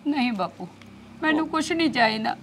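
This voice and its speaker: Actress: tearful young married daughter, high-pitched, pleading, crying throughout. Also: female voice, expressive, a little fast, slight background noise. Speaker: daughter visiting her father.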